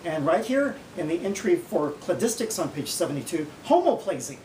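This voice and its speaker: A woman giving an educational lecture in a measured, didactic way. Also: animated, darkish tone. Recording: roomy, distant mic, faint rumbling noise.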